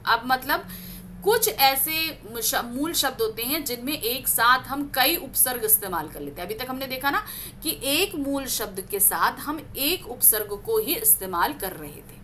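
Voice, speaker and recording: A woman teaches a grammar lesson. Her voice is bright and a little high, and she draws out each example word before answering her own questions. Faint noise sits under the recording. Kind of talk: classroom lesson reading word examples aloud.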